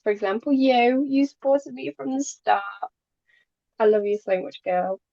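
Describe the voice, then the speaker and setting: Here a pageant queen guests on a podcast, a young woman originally from Poland who relocated to England when she was ten. A native Polish speaker, she chats informally and now and then stumbles. Her fairly high voice has a dark tone and a slightly slow pace, captured in a dry recording with dull audio.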